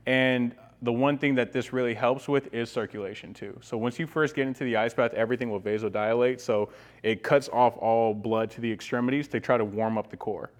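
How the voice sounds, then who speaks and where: A man's voice: medium pitch, fairly even intonation, fairly quick. A young man speaking as a guest coach, explaining things casually and with enthusiasm. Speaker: guest, ice bath workshop coach. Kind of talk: casual explanatory interview talk.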